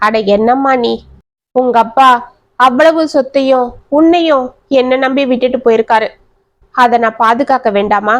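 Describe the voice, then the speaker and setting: A woman voicing a weary husband who talks softly and slowly to reassure his wife. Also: high-pitched, no room sound, close to an everyday voice. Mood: reassuring. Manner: soft, reassuring, speaks slowly. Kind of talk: storybook narration.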